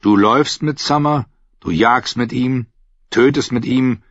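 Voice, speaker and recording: A man voicing a solemn, wise boy seer who speaks in a grave, measured way. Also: medium pitch, no echo, voice pushed up, close to an everyday voice. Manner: measured, grave, slow speech. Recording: slightly dull dry recording.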